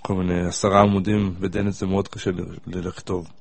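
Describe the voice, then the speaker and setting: Low-voiced man, casually explaining. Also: level tone, no room sound. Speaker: university student. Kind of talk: casual chat.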